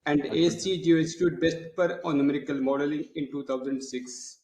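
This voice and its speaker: Guy reading a formal intro, slightly high voice, echoey room with faint background. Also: steady tone, a little fast, a little mellow. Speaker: event host.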